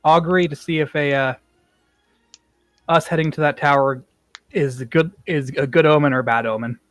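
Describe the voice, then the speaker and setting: A man's voice: fairly high pitch, steady tone, moderate pace, no echo. Easygoing man player, dry close sound. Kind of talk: casual tabletop chat.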